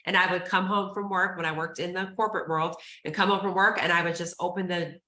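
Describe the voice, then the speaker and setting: A woman's voice: on the low side, steady tone, quick pace, sharp tone, echoey room. A woman co-hosting a live coaching call over video, candid and conversational, telling her own stories. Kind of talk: casual live coaching chat.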